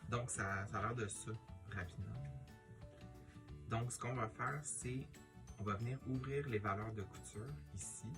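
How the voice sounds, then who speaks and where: A man's voice: fairly low pitch, fairly even intonation, normal speed, music in the background. A man with a Quebec French accent giving a casual hands-on tutorial, thinking aloud hesitantly as he works. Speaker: sewing tutorial host.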